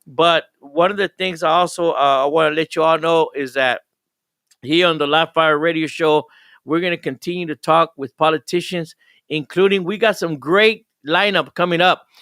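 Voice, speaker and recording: Older man hosting a radio show, crisp and dry. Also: on the high side, normal speed, fairly bright tone, no room sound. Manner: enthusiastic, rambling with frequent restarts. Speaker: radio show host and pastor. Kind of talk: casual live radio show talk.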